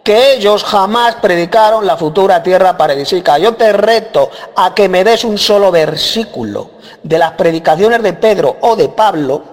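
A man with a Spain Spanish accent hurls scornful insults in a heated religious debate. His voice is high-pitched and aggressive, and it rings with a long reverb. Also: moderate pace. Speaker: debate participant.

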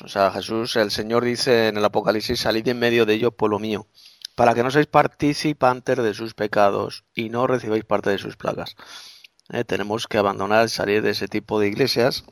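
A man with a low, gravelly voice preaches firmly, quoting scripture as he leads a church discussion. The recording is dry, with no room echo. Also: brisk.

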